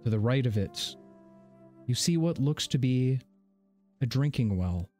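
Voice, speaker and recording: A man narrating a tabletop fantasy game as game master, measured and descriptive with dramatic pauses. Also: mid-range voice, lively intonation, dark tone. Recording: background music under the voice.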